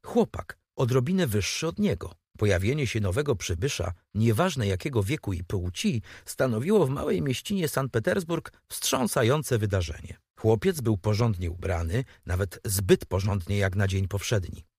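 A man reading a storybook aloud, with expressive, animated narration. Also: lowish voice, moderate pace, hardly any pauses, breathy edge, no room sound, clean studio sound. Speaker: audiobook narrator.

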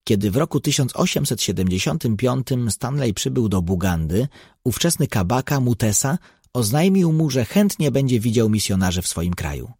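A man reading an audiobook, voicing a seasoned tracker who explains and warns in a measured way. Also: medium pitch, big pitch swings, darkish tone, breathy edge, no room sound, studio quality. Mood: explaining. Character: seasoned grave male tracker, guide.

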